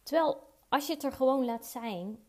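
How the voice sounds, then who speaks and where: Her voice is high with lively intonation and a moderate pace. Alone on her podcast mic, the host opens up about emotions in an earnest, personal way, peppering her talk with fillers and repetitions.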